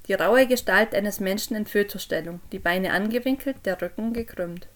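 A woman narrating a creepy first-person story for a podcast, dropping low and quiet on the eerie moments. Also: normal speed. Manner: drops low and quiet on eerie lines, raises voice for called-out quotes. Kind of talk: scripted horror story narration.

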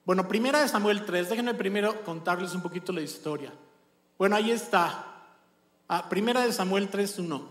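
A male pastor giving a sermon in an animated, conversational way, checking often that the congregation follows. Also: high voice, a little fast. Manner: animated, conversational storytelling with rhetorical check-ins. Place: church. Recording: echoey church hall.

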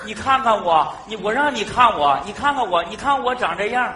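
A man with a Northeastern Chinese accent playing a forgetful, good-natured man who goes back to his old rented flat for his TV, in an exclaiming, lively comic stage style. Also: high voice, fairly quick, a little hiss or hum. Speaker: sketch comedy actor. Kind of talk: stage comedy sketch.

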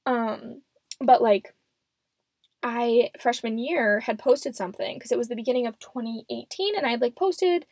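Teen girl podcaster just chatting, kinda high voice w lots of vocal fry, rambly, sounds muffled in a closet. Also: normal speed, a little mellow, dry recording, clean studio sound. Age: seventeen. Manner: informal, rambling, self-deprecating. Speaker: podcast host. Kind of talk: casual unscripted solo chat. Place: small closet at home. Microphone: microphone.

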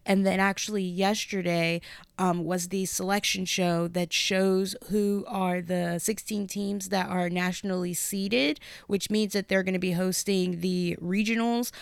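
A woman's voice: medium pitch, steady tone, a little slow, gravelly, smooth, dry recording, clean studio sound. A woman hosting a podcast in a casual, chatty, informal way, speaking with a lisp. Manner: informal, peppered with "like" and "you guys". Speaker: podcast host.

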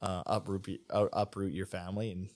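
A man's voice: deep voice, flat delivery, brisk, a little mellow, no echo. A man hosting a podcast, asking questions in a joking, teasing way and laughing often. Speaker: podcast host. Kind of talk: casual podcast chat.

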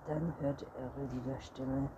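Guy reading a kids' book out loud, mid voice, noisy hiss. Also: mid-range voice, flat delivery, a little slow, muffled recording. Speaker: narrator. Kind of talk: reading a children's book aloud. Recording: noisy recording.

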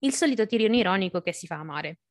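A woman's voice: medium pitch, expressive, fast, no echo, studio quality. A woman hosting a podcast, chatting about a novel and reading passages aloud, laughing often. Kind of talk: casual book-club chat with read-aloud passages.

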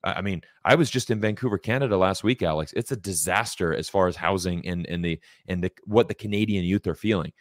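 An American man in his forties speaks in a lowish voice, pressing his points with emphatic repetition and frequent restarts. The recording is close and dry, with no room sound. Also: fast talker, few pauses, no echo. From United States. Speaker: guest commentator. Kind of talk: casual interview talk.

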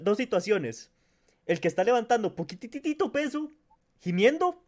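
A man with a Costa Rican accent hosting a casual podcast chat, talking animatedly and acting out grunts and shouts. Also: high-pitched. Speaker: podcast host.

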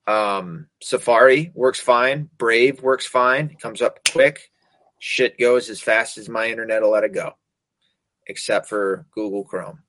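On his casual talk show, a podcast host from the United States delivers a profane, sarcastic rant, cursing nonstop and tripping over difficult words. He speaks with a fairly low, slightly bright voice and no room sound.

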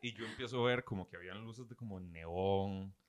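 Brief: young Costa Rican male host, lowish voice, loose animated storyteller. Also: fairly quick, a crowd in the background. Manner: rambling, animated, swears often, says "¿verdad?" often. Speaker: podcast host. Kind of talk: casual storytelling.

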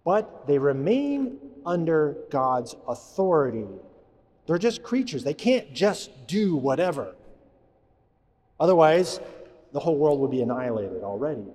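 A male priest preaching in a church with a slightly raised pitch. He talks in a loose, conversational way and keeps putting questions to the people in the pews. His voice carries a long church reverb. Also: a little mellow. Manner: conversational, asks the congregation questions. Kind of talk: sermon.

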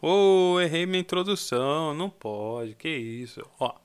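A man's voice: fairly high pitch, expressive, moderate pace, music in the background. Chatty Brazilian man teaching singing. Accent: Brazilian Portuguese. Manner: chatty, sings short demo phrases. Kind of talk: casual online singing lesson.

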